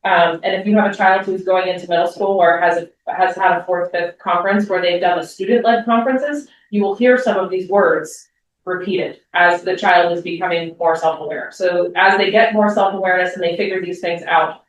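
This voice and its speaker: A woman's voice: lowish voice, steady tone, a little fast, a little hiss or hum. A woman presenting to parents at a school meeting. She talks conversationally, with frequent ums and restarts. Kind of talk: parent talk. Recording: echoey room, voice from far off.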